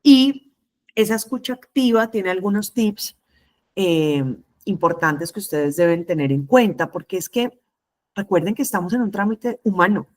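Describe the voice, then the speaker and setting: A middle-aged woman, teaching a lecture to trainee conciliators in a measured, explanatory way, listing points one by one. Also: mid-range voice, lively intonation.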